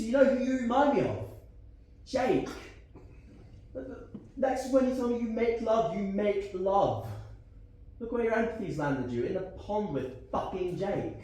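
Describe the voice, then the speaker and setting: A young man plays a bitter husband who shouts and sneers in a high, swinging voice. It is picked up from far off on a very echoey stage. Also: expressive, unhurried. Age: young adult. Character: bitter furious male husband, Ed. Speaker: student actor. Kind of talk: live stage acting. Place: theatre stage.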